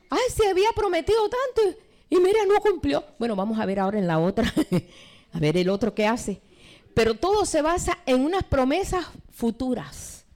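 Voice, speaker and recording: A middle-aged woman teaching a sermon at a seminar, acting out quoted voices with sudden swings in pitch. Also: warm tone. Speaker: seminar preacher.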